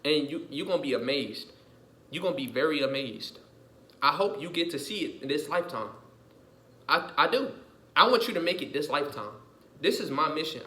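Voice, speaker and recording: A man's voice: fairly high pitch, pushed and bright, poor audio. A man giving an emphatic, repetitive vlog monologue, swearing often and circling back over his points. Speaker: vlogger. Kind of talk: casual monologue rant.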